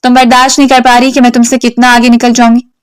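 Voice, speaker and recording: A woman's voice: fairly high pitch, completely flat delivery, clear, resonant tone, no echo, lightly acted. Woman reading a defiant, stubborn young woman. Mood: scornful. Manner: sharp, defiant retorts. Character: proud, stubborn young woman chasing wealth.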